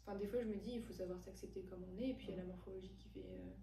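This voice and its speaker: A woman's voice: medium pitch, steady tone, rapid-fire, mellow. A woman in her twenties, a podcast guest, speaking hesitantly with many fillers in a thoughtful way. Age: 20s. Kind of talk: casual conversation. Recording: echoey room, distant mic, faint hum.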